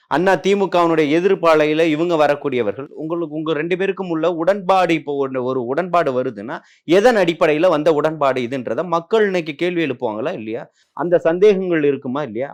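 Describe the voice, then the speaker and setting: This is a man, speaking as a guest in a heated political interview. He argues combatively and stacks up rhetorical questions, one after another. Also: fairly high pitch.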